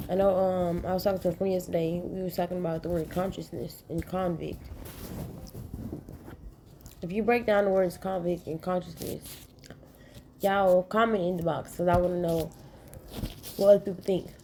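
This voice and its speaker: A woman talks to her viewers in a loose, just-woke-up ramble, yawning through her words and showering them with affection. Her voice is mellow and warm rather than bright. A faint hiss of noise sits under the recording. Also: lowish voice. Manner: sleepy, yawning, relaxed and rambling. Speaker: channel host. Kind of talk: casual morning chat to viewers.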